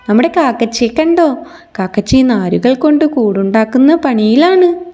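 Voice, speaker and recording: A woman teacher telling a story to young children in an animated way, often asking them questions. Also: high voice. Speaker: primary school teacher.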